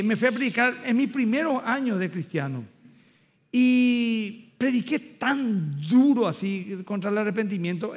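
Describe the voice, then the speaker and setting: A middle-aged man, preaching a sermon as pastor, moving from conversational storytelling to fervent, loud exhortation. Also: sits high. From Paraguay.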